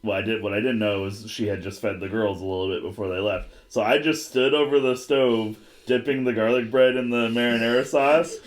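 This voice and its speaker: A man's voice: on the low side, fairly even intonation, fairly quick, hardly any pauses. A man in a band, a husband and father, chatting casually and poking fun at himself. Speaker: band member. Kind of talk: casual chat.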